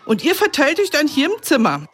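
A woman's voice: high-pitched, wildly swooping pitch, fairly quick, a bit bright, exaggerated voice. A woman playing a caring, good-humoured kindergarten teacher in a children's radio comedy. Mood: upbeat.

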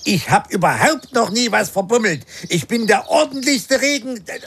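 A huffy, self-important little worm fellow in a children's radio play. The voice is creaky and swings up and down emphatically, with faint noise behind it. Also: female voice, fairly high pitch, lively intonation, moderate pace, fairly bright tone. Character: grumpy, boastful, easily offended male earthworm. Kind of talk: children's audio drama.

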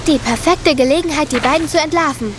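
A woman's voice: high-pitched, fast, noisy background, lightly acted. An actress voicing a bossy, scheming younger girl who gives commands. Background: music.

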